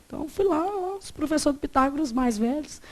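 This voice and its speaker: A Brazilian woman in her thirties teaching Portuguese grammar in an emphatic, animated manner, stretching out syllables when she spells and acting out quoted dialogue. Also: high-pitched, brisk. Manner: acts out quoted dialogue in lively voices. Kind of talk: classroom lecture.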